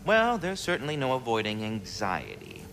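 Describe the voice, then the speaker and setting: Prim, wildly animated eccentric creature. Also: male voice, mid-range voice, normal speed, long reverb tail, a little hiss or hum. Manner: formal, wordy. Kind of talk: video game character acting.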